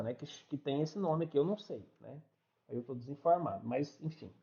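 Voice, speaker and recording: Male teacher, chatty explainer, a little high-pitched, lo-fi recording. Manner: chatty, explains step by step with frequent "né?" and "tá?". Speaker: English teacher. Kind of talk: recorded online class.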